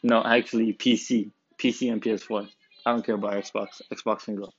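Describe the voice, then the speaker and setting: Rambling casually from the back room of a school, this late-teen Romanian student jokes his way through a laid-back podcast monologue. His fairly low, husky voice is flat and fairly quick, captured on dull, dry lo-fi audio.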